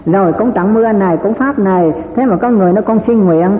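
A man's voice: sits high, fast talker, slight background noise. A man giving a Buddhist dharma talk, asking his listeners rhetorical questions with chuckling asides. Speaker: Buddhist teacher. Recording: echoey hall over tinny lo-fi line.

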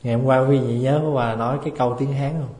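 Echoey monk preaching. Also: male voice, medium pitch, fairly even intonation, very fast, a little mellow. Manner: storytelling with humorous anecdotes and rhetorical questions. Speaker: Buddhist monk. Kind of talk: dharma talk. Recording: echoey hall with long reverb.

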